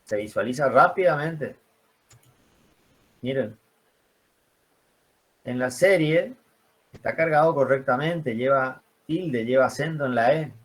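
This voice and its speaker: A man's voice: mid-range voice, slow, pauses often. A man teaching a spreadsheet class, explaining step by step in a patient way and often asking the class questions.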